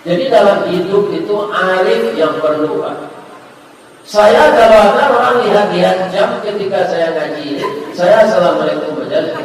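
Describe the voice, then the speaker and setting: Slow high-voiced preacher in echoey hall. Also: male voice. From West Sumatra. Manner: slow, folksy, jokes with the congregation, soft emotional quoted prayers. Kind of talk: sermon with storytelling. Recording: echoey hall, far from mic, faint noise.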